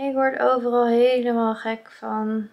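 A woman's voice: a little high, little pitch movement, measured pace, lo-fi sound. A young adult woman with a Netherlands Dutch accent, chatting casually to camera as a vlogger and dropping in English words. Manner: informal, mixes in English words. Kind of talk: casual vlog chat to camera. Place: indoors in an empty shop being renovated. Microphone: camera at arm's length.

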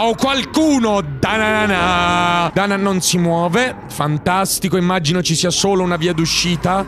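Excitable high-voiced Italian man gaming. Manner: jokey, excitable, shouts when scared. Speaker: gaming YouTuber. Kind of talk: let's play commentary, reading game dialogue aloud.

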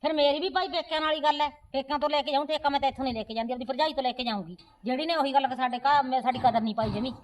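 A woman's voice: sits high, racing, hardly any pauses, a little hiss or hum, natural voice, rough recording. A woman playing an offended aunt who complains and insists in an amateur comedy short film. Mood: aggrieved. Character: sulking offended aunt, quarrelsome and demanding.

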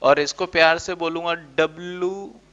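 Guy teaching accounts, kinda high voice, playful, muffled lo-fi sound. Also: lively intonation, normal speed, sharp tone. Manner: playful, acts out student questions. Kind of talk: classroom lecture. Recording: dull lo-fi recording.

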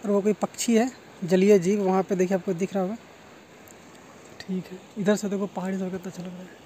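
A man's voice: high-pitched, little pitch movement, dark tone, rough recording. A man narrating a travel vlog outdoors, chatting as he shows viewers around a waterfall. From India. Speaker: vlogger. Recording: outdoor noise, rushing water.

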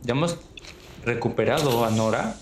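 A man giving casual, unhurried gameplay commentary on a livestream, thinking aloud as he plays. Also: mid-range voice. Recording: roomy echo with clear background noise.

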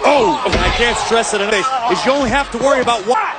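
Emphatic high-voiced male wrestling commentator. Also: fast talker, over loud music. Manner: emphatic, raised-voice opinions. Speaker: wrestling commentator, colour analyst. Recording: loud arena crowd, very noisy broadcast.

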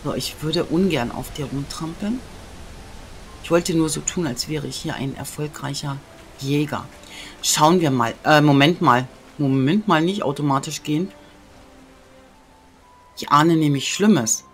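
Plaudernde Let's-Play-Spielerin mit deutschem Akzent. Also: female voice, low voice, a little slow, pauses often. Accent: German. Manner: chatty, often drops into whispers. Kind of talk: casual gameplay commentary. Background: game music.

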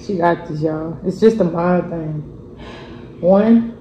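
A woman's voice: on the low side, slow pace, mellow, reverberant, highs cut off, a little hiss or hum. A woman on a casual couple's challenge video, counting down and cheering her partner on over and over. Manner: coaxing, counting down, repeats encouragement. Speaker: vlogger encouraging her partner.

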